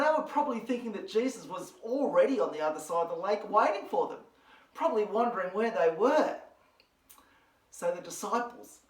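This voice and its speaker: A woman with an Australian accent presenting a children's church lesson, telling a Bible story in an animated, expressive way. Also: medium pitch. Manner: animated, expressive, speaks to her dog. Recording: roomy, from a distance.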